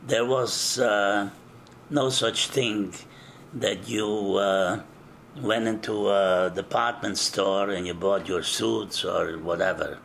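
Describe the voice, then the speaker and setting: An older man from eastern Czechoslovakia giving an oral history interview, recalling things in a slow, measured way with frequent hesitations. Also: fairly low pitch, steady tone, gravelly, a bit bright, slight background noise.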